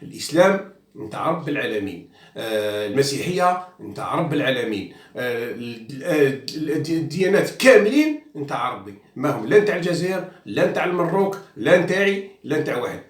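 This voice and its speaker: A man's voice: medium pitch, sing-song, quick pace, far from the mic. A man with an Algerian Arabic accent gives an outspoken, mocking monologue as a journalist commentator, slipping into French and stumbling through restarts. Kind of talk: casual monologue. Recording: echoey room, away from the mic.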